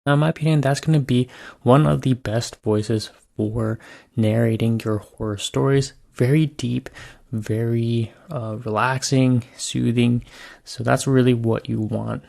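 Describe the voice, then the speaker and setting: A man hosting a casual software tutorial, talking in a loose, chatty way with filler words. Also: mid-range voice, fairly even intonation, measured pace, vocal fry. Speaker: tutorial host.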